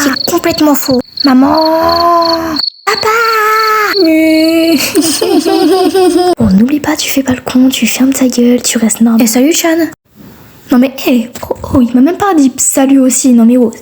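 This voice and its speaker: A woman's voice: high voice, darkish tone, slight background noise. A young woman doing a comedic amateur fan dub, voicing several characters in a brash, slangy manner.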